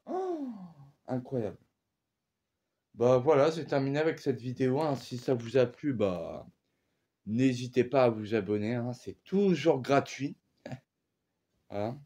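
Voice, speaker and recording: A man's voice: mid-range voice, very animated, measured pace, pauses often, warm tone. Male vlogger, loose slangy rambling delivery, filler-heavy, casual unboxing video.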